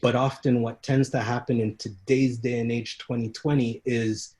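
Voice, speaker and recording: A man's voice: mid-range voice, moderate pace. A man, a Muay Thai instructor, telling stories in a casual podcast interview and acting out the people he quotes. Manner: animated storyteller who acts out quoted people and laughs often.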